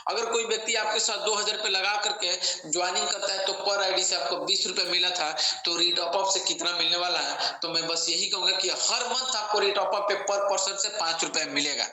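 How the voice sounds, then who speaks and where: A man giving a sales pitch for an income plan, talking to listeners as friends again and again and mixing in English phrases. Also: fairly quick, few pauses, pushed and bright. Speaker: network marketing plan presenter. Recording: very echoey room with faint noise.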